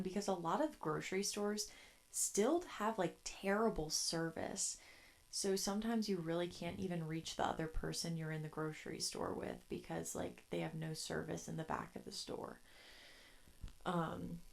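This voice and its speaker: A young woman in her twenties talks through her childhood memories on a solo podcast recorded in her bedroom. Her voice sits on the low side with a gravelly, fry-filled texture, and she rambles in a chatty, easygoing way. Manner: chatty, rambling, laughs between thoughts. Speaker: podcast host. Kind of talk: casual solo podcast storytelling.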